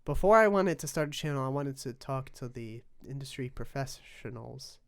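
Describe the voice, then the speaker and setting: A man's voice: medium pitch, expressive, normal speed, vocal fry. A young man co-hosting a casual podcast, telling a mock-serious story with lots of ums and restarts into a mic with a pop shield. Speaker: podcast co-host.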